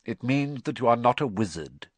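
A man voicing a cold, imperious, inhuman dark lord in an audiobook, speaking quietly and deliberately with cool menace. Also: medium pitch, animated, dry recording, lightly acted. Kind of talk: audiobook character voice.

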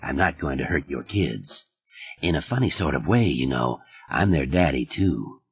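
A man reads as a quietly menacing killer, flat and cold in a low, husky register that sinks lower and softer than the narration. At normal speed and in full character voice, each line comes out teasing and deadly calm with a sense of calm menace, on a slightly dull recording.

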